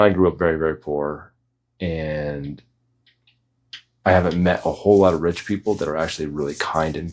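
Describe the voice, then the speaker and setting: A man's voice: low voice, a little mellow. A man hosting a solo podcast, reflecting candidly in a casual, rambling way with frequent restarts. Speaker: podcast host.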